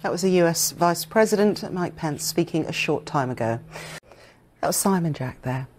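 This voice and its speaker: Woman, very low voice, television news anchor, composed formal reading, studio recording. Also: lively intonation, normal speed, darkish tone, a little hiss or hum. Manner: crisp, composed, formal delivery.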